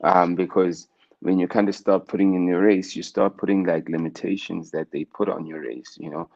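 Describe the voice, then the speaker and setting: Deep-voiced South African man, lo-fi. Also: steady tone, normal speed, gravelly, a little mellow. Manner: reflective, many fillers and restarts. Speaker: interview guest, rapper. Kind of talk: casual conversation. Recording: dull lo-fi sound.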